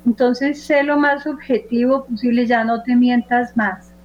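A woman hosting a faith program, earnestly coaxing listeners through a self-examination and listing traits with many pauses. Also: fairly high pitch, fairly even intonation. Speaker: host. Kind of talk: guiding a reflective faith exercise. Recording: dull muffled sound with faint hum.

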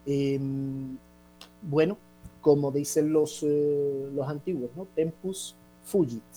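A priest explains matters of faith to his listeners in a slow, deliberate teaching manner. His voice is mellow and sits a little high for a man, and he leans on "eh" and little checking questions as he goes. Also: fairly even intonation. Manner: measured and didactic, with frequent "eh" and tag questions. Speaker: priest hosting a religious radio program.

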